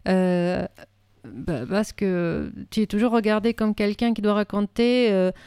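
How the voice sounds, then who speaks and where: A woman from Syria with an Arabic accent, a poet answering interview questions thoughtfully, with many pauses and restarts. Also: mid-range voice, warm tone, clear, resonant tone, no room sound. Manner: hesitant, many restarts and fillers.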